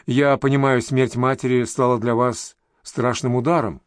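A male narrator voicing a calm, kindly middle-aged doctor who speaks in a soothing, reassuring way. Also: mid-range voice, normal speed, clean tone, no echo, clean studio sound, close to an everyday voice.

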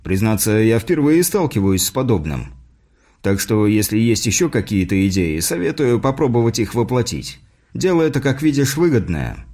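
A man voicing a patient male mentor in an audiobook, explaining things in a measured way. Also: on the low side, very animated, darkish tone. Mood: instructive.

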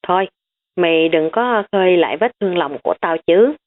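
A woman's voice: lowish voice, lively intonation, brisk, lightly acted. A woman playing a carefree young playboy. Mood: glum. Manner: breezy, joking. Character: carefree rich young man, playful. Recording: tinny phone-like recording.

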